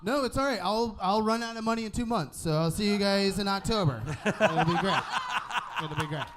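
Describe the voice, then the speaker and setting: Wry high-voiced stand-up comic. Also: male voice, fairly quick, a bit bright, a little hiss or hum. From Ohio. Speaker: stand-up comedian contestant. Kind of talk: casual banter on stage. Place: live comedy stage.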